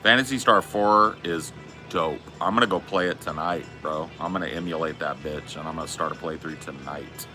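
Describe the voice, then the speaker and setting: A man's voice: very deep voice, normal speed, sharp tone, soft background music. A man in his forties chatting casually on a live stream, laid-back and slangy, swearing often. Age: 40s. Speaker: streamer reading chat.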